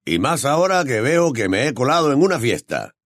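A man's voice: mid-range voice, big pitch swings, fairly quick, a bit bright, dry recording, studio quality, voice pushed up. A man reading an audiobook, voicing a gaunt, stern older minister who speaks in a clipped, formal way. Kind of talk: audiobook character voice.

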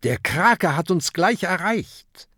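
A man's voice: high voice, big pitch swings, slow pace, no room sound, studio quality, voice pushed up, full character voice. A man reading a children's audiobook, voicing a brave young fire dragon who calls out urgently. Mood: worried.

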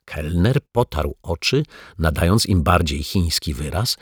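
A man reading a children's story aloud in a playful, expressive storytelling manner, close to the microphone. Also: deep voice, unhurried, husky, no echo.

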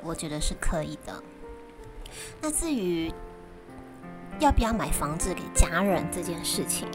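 Low-voiced Taiwanese woman chatting while eating. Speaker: vlog host. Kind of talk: casual solo chat to viewers. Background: prominent music.

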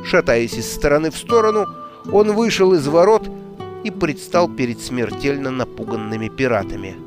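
A man's voice: medium pitch, animated, moderate pace. Man narrating an audiobook over music. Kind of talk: scripted narration.

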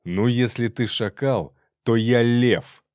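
A man narrator voicing a fiery, quick-tempered businessman husband who barks gruff threats. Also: lowish voice, dry recording, clean studio sound. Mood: furious.

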